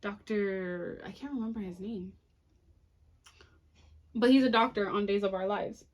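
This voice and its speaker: A young woman chatting casually with her sister while doing her makeup, talkative and quick to laugh. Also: mid-range voice. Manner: giggly, chatty, breaks into laughter often. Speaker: co-host, sister. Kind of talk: casual get-ready-with-us chat.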